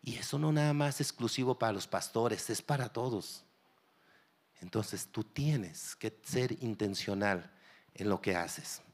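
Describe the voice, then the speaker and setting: A man's voice: lowish voice, a little slow. A middle-aged man, preaching a sermon as a pastor and urging his listeners on directly.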